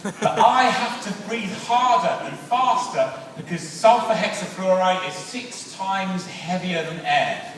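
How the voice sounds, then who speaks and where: A high-voiced English man hosts a science show on a big stage. He jokes and teases his assistant. The sound is a long hall echo, caught from far off. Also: slow, a bit bright. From England. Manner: jokey, teasing his assistant. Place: large echoey hall on stage.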